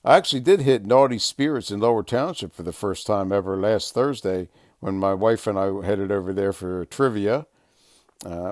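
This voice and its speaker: An older man hosting a casual sports podcast, talking in a relaxed, rambling way with lots of "uh" fillers. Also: fairly low pitch, dry recording, studio quality. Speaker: podcast host.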